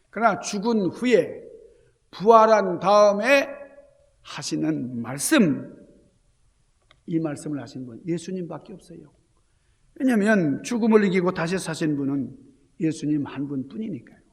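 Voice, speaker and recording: A man preaching an Easter sermon in a fairly high, gravelly voice. He throws rhetorical questions at his congregation and moves between loud exclamations and hushed near-whispers. The sound carries the long reverb of a church sanctuary. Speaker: senior pastor.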